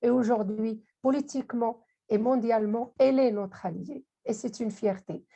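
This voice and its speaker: A woman giving an emotional thank-you speech, halting and repeating words as she goes. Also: a little high, gravelly, mellow, dull audio. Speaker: panelist at online launch.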